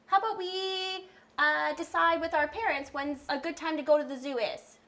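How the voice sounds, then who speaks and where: A woman with a high, steady, pushed and bright voice speaks at normal speed as a behaviour therapist teaching a child. She coaches in simple steps and explains, encouraging the child and often checking understanding with questions.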